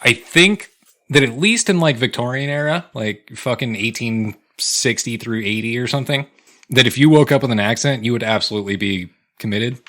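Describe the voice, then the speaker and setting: This is an American man in his twenties, co-hosting a podcast full of casual, profane, slangy comedic banter. His voice is mid-range and a bit bright, moving at normal speed, and he keeps breaking into laughter.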